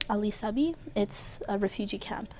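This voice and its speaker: A woman's voice: medium pitch, moderate pace, warm tone. A young woman from Ethiopia, a guest answering casually with "um" and "like". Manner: casual, with fillers like "um" and "like". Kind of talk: interview answers. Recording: faint background noise.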